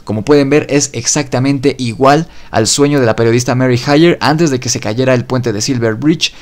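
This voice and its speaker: A man's voice: medium pitch, normal speed. Man casually retelling a paranormal story. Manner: loose spoken retelling with fillers and self-corrections. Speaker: podcast host.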